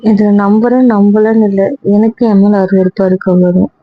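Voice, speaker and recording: A woman's voice: mid-range voice, steady tone, brisk, no room sound, dull audio, lightly acted. A woman playing a hurt, reproachful young woman. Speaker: young wife or girlfriend. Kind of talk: Tamil audio drama acting.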